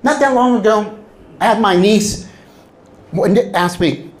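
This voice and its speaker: A middle-aged man from Southern California, a native Spanish speaker, gives a personal motivational talk to an audience. His voice is high-pitched and slow, and he tells stories in an animated way, acting out quoted lines like a seasoned public speaker.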